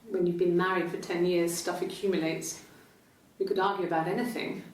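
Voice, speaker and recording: A measured, guarded wife , played by an actress, answers questions on police video. Her voice sits low and sounds distant, with the room's echo around it. Faint hiss lies under the recording. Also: flat delivery, lightly acted. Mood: wry. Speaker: interviewee in a police tape. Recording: roomy, distant game audio behind the player.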